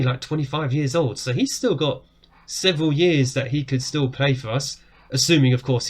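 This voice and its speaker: In a small room at home, a streamer in his thirties offers casual commentary on a football management game, framed by a webcam at his desk. His mid-range voice is chatty and eager, and he jumps up excitedly when goals go in. Long hours of talking have left it worn and going hoarse.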